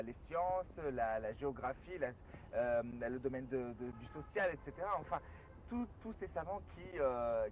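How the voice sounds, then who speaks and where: A man hosting a studio talk show, introducing the episode and his guest with many pauses and restarts. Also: mid-range voice, narrow, tinny audio, a little hiss or hum. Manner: halting, many fillers and restarts. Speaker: TV show host.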